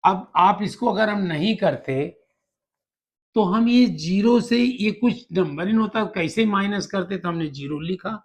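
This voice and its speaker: A man's voice: high-pitched, a little slow. A man teaching decimal subtraction, explaining step by step with patience and spelling out words letter by letter. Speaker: math teacher. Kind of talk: classroom lesson explanation.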